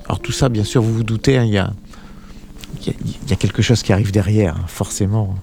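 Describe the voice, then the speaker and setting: A man presenting a relaxed, conversational radio music segment as columnist. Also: fairly low pitch, fast, creaky, a little hiss or hum. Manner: relaxed, conversational, ends phrases with tag words. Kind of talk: radio music segment, casual studio chat.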